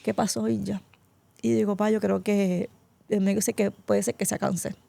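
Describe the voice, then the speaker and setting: A woman's voice: mid-range voice, little pitch movement, moderate pace, gravelly, warm tone, no room sound. A middle-aged woman pastor, giving a heartfelt, tearful testimony in an interview. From Puerto Rico. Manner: tearful, heartfelt storytelling, often addressing the host by name. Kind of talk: emotional personal testimony.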